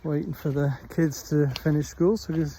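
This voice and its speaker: Holding his phone outdoors as he walks the dog, this Welsh vlogger of middle age speaks in a high-leaning, warm, steady voice. The talk drifts along unhurriedly with many pauses, and a little hiss or hum is audible.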